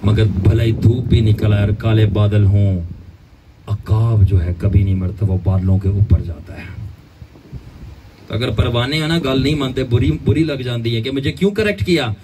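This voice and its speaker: A male pastor preaching a sermon emphatically, with a tinge and long pauses. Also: lowish voice, background noise.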